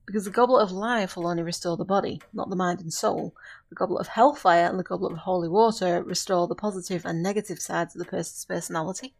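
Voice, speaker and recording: In an amateur audio drama, a woman voices a witch who is earnest, grieving and insistent as she mentors a novice. Her voice sits on the low side with a steady tone and some vocal fry. She explains in a solemn, measured way, using formal, instructive phrasing.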